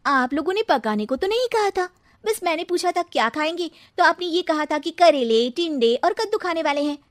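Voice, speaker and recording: Woman acting a high-pitched, exasperated young bride. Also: lively intonation, brisk, no room sound, clean studio sound. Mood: mock-innocent, sharp. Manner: indignant questioning, exclamatory. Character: sharp-witted, exasperated young bride confronting boastful in-laws. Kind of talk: comic Hindi audio story dialogue.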